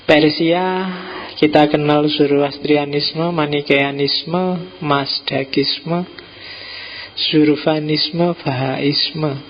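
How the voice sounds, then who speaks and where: A man's voice: a little high, level tone, drawn-out words, muffled recording, slight background noise. A man with a Javanese accent giving an informal philosophy lecture to a study group, chatty and teasing, slipping Javanese words into his talk.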